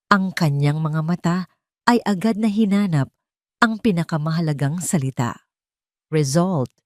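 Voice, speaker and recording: A woman with a fairly low, slightly mellow voice reads a scripted romantic drama as a storyteller, narrating dramatically. The recording is dry and cleanly studio-made.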